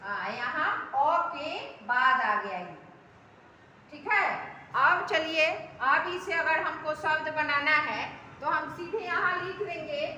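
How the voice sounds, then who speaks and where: A woman teaching Hindi grammar in an online class, going over each step slowly and asking the students check questions. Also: high voice, lively intonation, bright, forceful tone, distant mic, dull audio, slight background noise. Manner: slow, repetitive teaching with frequent check questions. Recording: echoey room, voice from off the mic, faint ambience.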